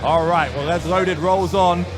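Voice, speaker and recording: A man's voice: sits high, fairly even intonation, measured pace, a crowd in the background. A man commentating on a wrestling show, upbeat and promotional. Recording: music bed behind.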